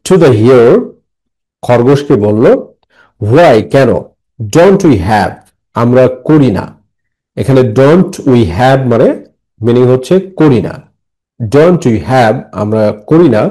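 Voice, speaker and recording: Slow, mellow-voiced male teacher. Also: mid-range voice, poor audio. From Bangladesh. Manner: slow, patient, repeating phrases and translating. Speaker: English teacher. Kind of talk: line-by-line Bengali-English lesson.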